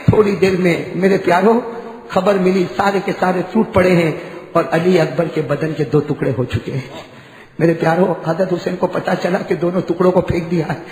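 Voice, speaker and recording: A man preacher giving an impassioned sermon, repeating phrases, asking the gathering questions and swinging from hushed tones to shouts. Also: high-pitched, fairly even intonation. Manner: asks the crowd questions and addresses them as dear ones. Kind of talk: Muharram sermon. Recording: echoey hall reverb.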